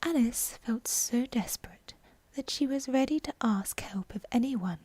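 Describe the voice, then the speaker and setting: A woman narrating a bedtime audiobook in soft ASMR style, breathy and whispered, close to the microphone. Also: a little high, a little slow. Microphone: close, dry microphone.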